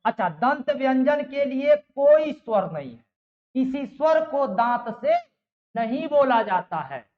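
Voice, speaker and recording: A man's voice: very high voice, animated, measured pace. A male teacher giving a grammar lesson for exam preparation. He asks his students questions and answers them himself, repeats the sounds over and over, and keeps checking with "okay". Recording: dull, lo-fi sound.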